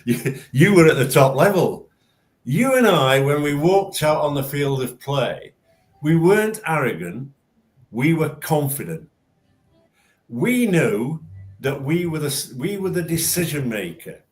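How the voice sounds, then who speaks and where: A man's voice: a little high, expressive, unhurried. A man hosting a casual chat as a former referee, speaking emphatically and repeating words as he starts sentences, over a video call. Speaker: show host and former referee.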